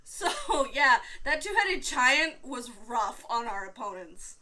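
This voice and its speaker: A woman co-hosting a casual podcast, telling stories in an animated way, swearing and laughing often. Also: sits high, takes it slowly. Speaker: podcast co-host. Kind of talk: casual chat.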